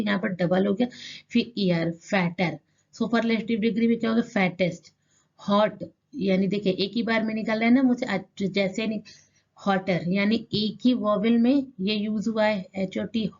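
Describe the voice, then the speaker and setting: A woman teaching an English grammar lesson in Hindi. She reads rules out slowly, sounds out words syllable by syllable and keeps asking rhetorical questions. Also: mid-range voice, darkish tone, dull audio. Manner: repeats rhetorical questions to the class.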